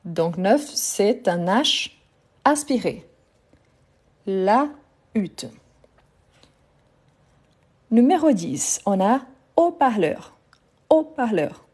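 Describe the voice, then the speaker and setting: A woman's voice: medium pitch, very animated, extremely slow, long pauses, darkish tone. A woman teaching a live online French lesson, patiently repeating each word to drill pronunciation and speaking directly to her viewers.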